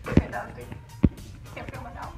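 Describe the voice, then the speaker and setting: A young woman chatting casually, teary, with her mouth burning from spicy food. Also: normal speed. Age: young adult. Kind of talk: casual reaction chat. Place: home dining room. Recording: echoey room under loud music.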